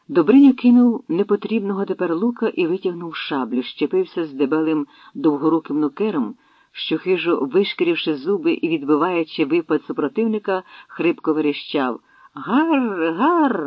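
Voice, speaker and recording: A man's voice: on the high side, no room sound, muffled recording. A man reading a historical adventure audiobook aloud in dramatic storytelling style. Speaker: audiobook narrator. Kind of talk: scripted narration.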